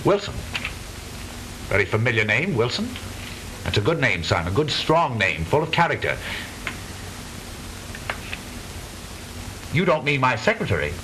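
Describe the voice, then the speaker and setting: An actor playing a blustering, easily flustered middle-aged father in stagey 1920s comedy film style, halting and repeating himself. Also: mid-range voice, sing-song, lightly acted. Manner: stagey old movie actor delivery, blustering, halting repetitions. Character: blustering, lonesome widowed father, flustered businessman. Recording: hissy 1920s film soundtrack.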